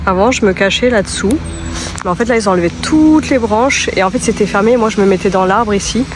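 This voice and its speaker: A woman's voice: mid-range voice, quick pace, noisy background. A young woman vlogging casually to her phone camera, candid and rambling, full of fillers and restarts. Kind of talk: casual vlog chat to camera. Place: walking around town, outdoors and at home.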